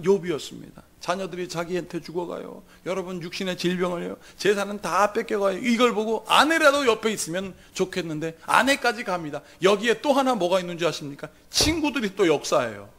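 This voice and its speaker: A male pastor preaching a sermon emphatically, swinging between loud declarations and hushed asides. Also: very high-pitched.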